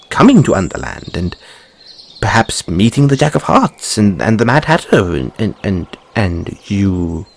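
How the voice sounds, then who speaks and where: Guy doing a fussy curious rabbit boy for fantasy roleplay, super swoopy pitch, husky, polite and stammery. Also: heavily acted. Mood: flustered, excited. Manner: flustered stammering, ornate courteous phrasing. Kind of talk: audio roleplay addressed to the listener.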